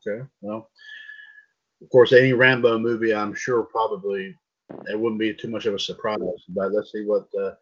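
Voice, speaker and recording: A podcast host with a medium-pitched, fairly bright voice runs a casual pop culture news show, reading headlines aloud and stumbling over names. The sound is dull and lo-fi.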